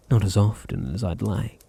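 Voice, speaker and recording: An audio roleplay voice actor, a British man with a low-leaning, mellow voice, plays a seductive, domineering vampire master in an ASMR roleplay. He speaks breathily, often near a whisper, purring condescending endearments.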